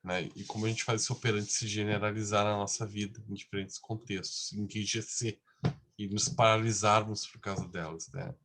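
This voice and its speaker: A man's voice: fairly low pitch, level tone, moderate pace, fairly bright tone. A man giving a class lecture in a conversational way, often tagging his sentences with questions. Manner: conversational, frequent tag questions.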